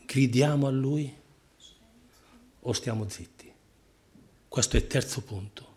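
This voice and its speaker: Brief: male preacher, middle-pitched voice, emphatic sermon delivery, rhetorical questions, loud-to-hushed swings. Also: unhurried.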